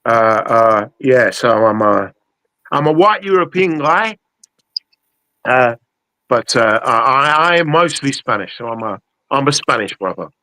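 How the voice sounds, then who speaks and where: A man's voice: mid-range voice, animated, measured pace, sharp tone, no room sound, low-quality recording. A man, a guest on a live-streamed interview over a video call. He rambles and stammers, often repeating his opening words. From England.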